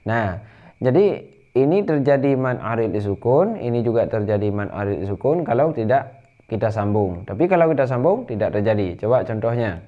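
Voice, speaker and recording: A man with an Indonesian accent teaching Quran recitation rules, explaining patiently and then chanting verses in a drawn-out higher voice. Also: animated, highs cut off. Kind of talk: tajwid lesson with chanted recitation.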